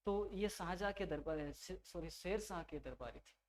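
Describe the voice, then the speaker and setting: A man's voice: high-pitched, moderate pace, a little hiss or hum. A male teacher, giving a conversational exam-prep lecture and repeating key names for his students.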